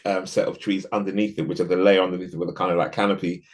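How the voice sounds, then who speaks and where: A man speaks as a guest in a relaxed interview. His voice sits very low, and he thinks out loud, circling back and restarting his sentences as he goes. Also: very fast. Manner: reflective, thinks aloud with frequent restarts. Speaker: podcast guest. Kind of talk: casual interview conversation.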